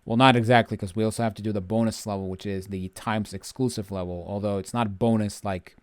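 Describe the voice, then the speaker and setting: A man's voice: on the low side, fairly even intonation, a little fast, clean tone, dry recording, clean studio sound. A man hosting a video game walkthrough with casual, rambling, often grumbling commentary.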